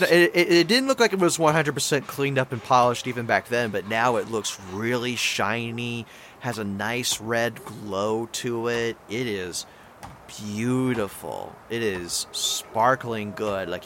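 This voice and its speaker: A man's voice: medium pitch, a bit bright, a little hiss or hum. A man narrating a tabletop game as game master, chatty and rambling with asides.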